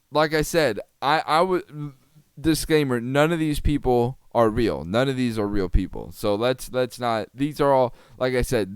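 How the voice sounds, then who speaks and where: A man's voice: fairly low pitch, smooth, dry recording, clean studio sound. A man hosting a podcast, giving sarcastic, rambling comedic commentary on a TV clip and laughing often. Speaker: podcast host.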